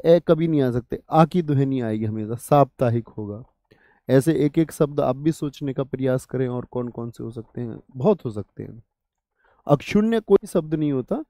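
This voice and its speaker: Man teaching hindi grammar, asks then answers himself, calls students bhai sahab, kinda high voice, dead dry mic. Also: dark tone, no echo. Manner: asks questions and answers them himself, repeats answers; addresses students familiarly, 'bhai sahab', 'dost'. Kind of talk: online exam-prep lesson.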